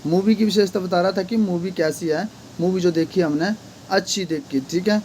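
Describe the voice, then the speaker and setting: A man's voice: high voice, normal speed, a little mellow, a little hiss or hum. A man teaching an English grammar lesson, repeatedly asking questions and answering them himself.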